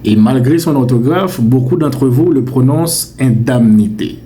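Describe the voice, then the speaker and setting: A man with a Haitian accent, teaching French pronunciation on his channel, repeating words slowly and playfully scolding mistakes. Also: mid-range voice, mellow, a little hiss or hum. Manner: emphatic, repeats words slowly to correct them; playfully scolding, calls mispronunciations mean. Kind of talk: direct-to-camera language lesson.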